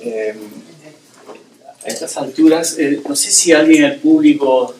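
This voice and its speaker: A man's voice: fairly high pitch, a little slow, a little mellow, a little hiss or hum. Hesitant man moderating a panel. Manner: hesitant, with many fillers. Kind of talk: moderating a book presentation. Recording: roomy hall, distant mic.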